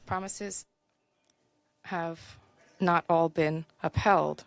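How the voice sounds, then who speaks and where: A woman giving a translation voice-over of a formal speech, interpreting in measured, halting phrases. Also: lowish voice, fairly even intonation, gravelly, dry recording. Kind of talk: simultaneous interpretation of a formal address.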